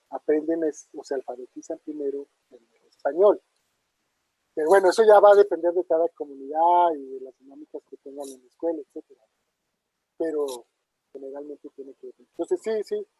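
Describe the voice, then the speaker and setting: A man's voice: on the high side, mellow, no echo. A man answering audience questions in a casual academic talk, thinking aloud with many fillers and tag questions. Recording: dull muffled online talk audio.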